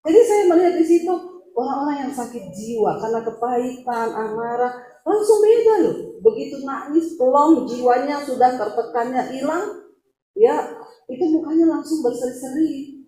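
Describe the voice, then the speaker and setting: A woman pastor with a high voice preaches to her congregation. She tells a story with lively humor and laughs often. Her voice rings out in an echoey church room. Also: moderate pace. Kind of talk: sermon storytelling.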